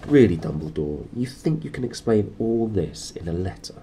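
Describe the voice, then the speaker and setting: A man's voice: on the low side, sing-song, normal speed, warm tone, slight background noise, low-quality recording. A man voicing a stern, fretful female witch professor in a storybook reading. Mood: indignant. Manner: indignant, emphatic, fretful.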